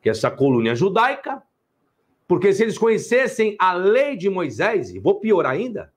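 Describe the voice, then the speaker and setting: A middle-aged Brazilian man hosting a livestream lecture, speaking emphatically, firing rhetorical questions at his viewers and chiding them, and slowing down when he reads out his sources. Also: sits high, very animated. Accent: Brazilian Portuguese. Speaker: online teacher and channel host.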